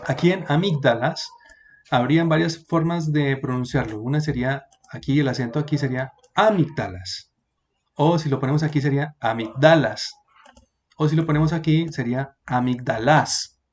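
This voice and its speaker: A male teacher leads an online class in a voice that sits a little high for a man. He explains things patiently and stretches out key words so students can follow. He keeps turning to the students with questions. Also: steady tone, fast, a little mellow, a little hiss or hum.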